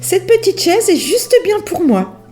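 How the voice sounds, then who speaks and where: A woman's voice: very high voice, very animated, a little slow, a little mellow, faint music behind, pitched above the performer's own voice, exaggerated voice. A woman voicing a curious, polite little girl in a sweet, chirpy voice for a storybook reading. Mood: pleased.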